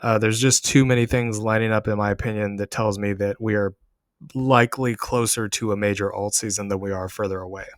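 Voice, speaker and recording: Male channel host, lower register, casual explanatory market commentary straight to the audience, dry sound. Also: steady tone, fairly quick, no echo. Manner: explanatory, addressing viewers directly. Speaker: crypto trading channel host. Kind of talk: casual market commentary over price charts.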